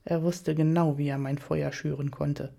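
A woman narrating a first-person erotic story in a measured, breathy reading. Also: deep voice, steady tone, dark tone. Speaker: audiobook narrator.

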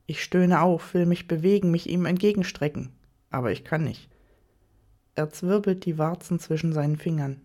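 A woman narrating an erotic audio story in the first person, reading slowly and softly. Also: lowish voice.

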